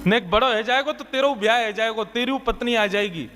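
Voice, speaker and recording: Man doing cowherd boy Shri Dama, teasing, matter-of-fact, high voice. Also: a little fast, a bit bright, faint music behind. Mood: explaining. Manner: explaining matter-of-factly.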